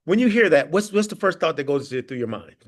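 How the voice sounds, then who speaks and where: A man's voice: fairly high pitch, sing-song, brisk. A man leading an interactive online training session on a video call. He tells stories with frequent laughs and questions to his audience. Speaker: workforce trainer.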